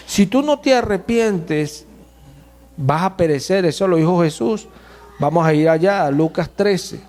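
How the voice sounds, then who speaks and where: A man preaching a sermon as pastor, emphatic and slowing to stress key words, in a church. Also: on the high side, darkish tone. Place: church hall. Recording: long church hall reverb.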